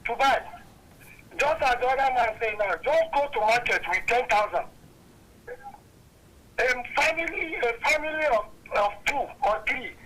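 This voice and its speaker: A Nigerian man speaks through a clipped phone line, his voice bright and a little tense. Faint noise sits under the call, and he talks earnestly, halting and repeating himself as he makes his point. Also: very high-pitched. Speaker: caller. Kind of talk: call-in comment on a talk show.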